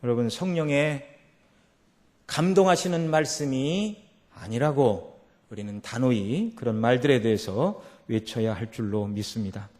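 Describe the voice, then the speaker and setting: A man preaching a Sunday sermon as pastor. He swings from quiet passages to loud, emphatic peaks and asks the congregation rhetorical questions. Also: measured pace. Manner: rising to loud emphatic peaks, then dropping low. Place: church sanctuary.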